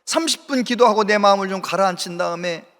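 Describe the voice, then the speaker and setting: A man's voice: high voice, quick pace, a bit bright. A middle-aged man preaching a sermon as pastor, telling a story and acting out the voices of the people in it. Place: church sanctuary. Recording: long hall reverb from the church. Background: hall reverb.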